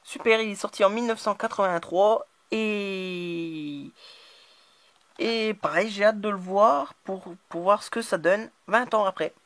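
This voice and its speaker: A woman talks through her recent purchases in a relaxed, hesitant way, often pausing and circling back to find her words. Her voice sits at a middle pitch and sounds dry and close, with no room echo. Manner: hesitant, constant filler words. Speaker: channel host. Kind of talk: casual DVD haul talk to camera.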